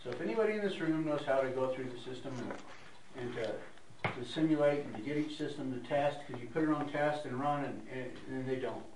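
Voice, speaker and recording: A man's voice: mid-range voice, fairly quick. A man giving an informal, rambling report at a meeting, with frequent restarts and fillers. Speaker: staff member reporting at a meeting. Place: meeting room. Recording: echoey room, distant mic, background noise.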